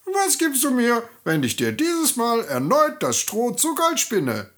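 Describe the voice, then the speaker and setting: A man voicing a tiny, wheedling male goblin who bargains for gold with a high, fluting voice. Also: huge pitch swings, measured pace, fairly bright tone, exaggerated voice.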